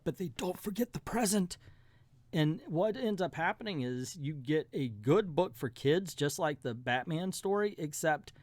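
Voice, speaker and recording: A man's voice: mid-range voice, dry recording. A middle-aged man hosting a comic book review channel, giving a casual ranked countdown in a folksy, colloquial way with emphatic asides.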